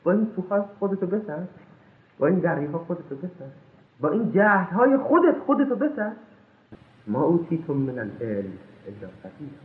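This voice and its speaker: A man preaching an impassioned sermon, reciting scripture verses slowly and swinging between loud high outbursts and low hushed asides. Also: very animated. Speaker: religious lecturer. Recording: echoey, tinny lo-fi recording.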